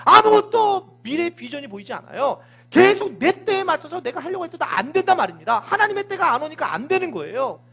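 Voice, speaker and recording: A man's voice: extremely high pitch, very animated, fairly quick, creaky, hardly any pauses, fairly bright tone. A man, a senior pastor, preaching a Sunday sermon with vivid storytelling, sound words and acted dialogue.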